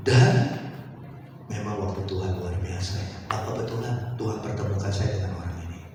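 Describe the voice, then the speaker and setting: A male pastor telling a story in a sermon to his congregation, then rising into loud exhortation. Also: sits low, moderate pace, music in the background. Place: large church hall. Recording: echoey hall from far off, noisy.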